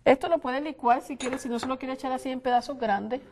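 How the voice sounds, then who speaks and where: A woman's voice: high-pitched, steady tone, a little fast, darkish tone, a little hiss or hum. An older Puerto Rican woman with a Puerto Rican accent, guest cook on a TV show, talking homely with lots of diminutives. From Puerto Rico. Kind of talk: cooking demonstration. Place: studio kitchen set. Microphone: lapel mic.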